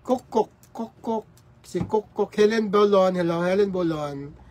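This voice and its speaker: A man's voice: sits high, unhurried, darkish tone. A man hosting a casual livestream, greeting viewers by name with repeated hellos. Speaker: livestream host.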